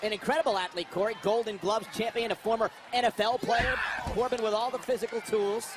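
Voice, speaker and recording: A man working as a wrestling commentator, calling the action live move by move in an excited, emphatic, dramatic way. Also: sits high, brisk. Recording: loud arena crowd noise. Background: roaring crowd in an arena.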